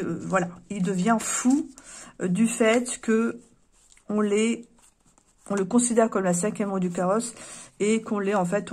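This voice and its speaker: A woman's voice: mid-range voice, a little hiss or hum. A woman giving a chatty, opinionated tarot reading to her viewers, thinking aloud as she goes. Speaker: tarot reader.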